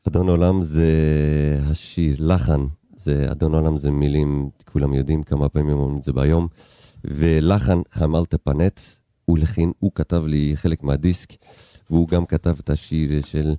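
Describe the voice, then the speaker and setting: Man, extremely low bass voice, dark and mellow tone, dry studio. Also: level tone, smooth, no room sound. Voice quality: very deep bass voice. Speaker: singer, studio guest. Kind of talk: casual radio interview. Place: radio studio.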